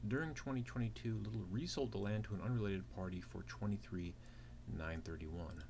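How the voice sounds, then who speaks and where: A man with a slightly mellow voice on the low side talks fairly quickly, walking through a worked problem as a teaching assistant. He explains each step with rhetorical questions, and keyboard typing is audible in the clear background noise.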